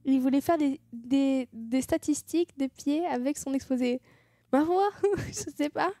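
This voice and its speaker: A woman's voice: high-pitched, unhurried, dark tone, dry recording, studio quality. A young woman streamer chatting casually with her viewers, swearing freely and thanking them as she goes. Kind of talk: casual live-stream chat.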